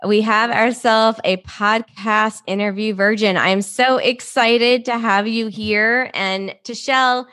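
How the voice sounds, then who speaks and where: A woman hosts a podcast interview over a video call, speaking in a bubbly, chatty way and improvising as she goes. Her voice sits somewhat high. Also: steady tone, takes it slowly, hardly any pauses, fairly bright tone. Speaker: podcast host.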